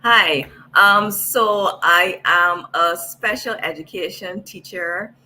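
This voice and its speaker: A woman's voice: on the low side, takes it slowly, bright, forceful tone, rough recording. A woman from Barbados, a special education teacher, speaking unhurriedly with fillers on a video call.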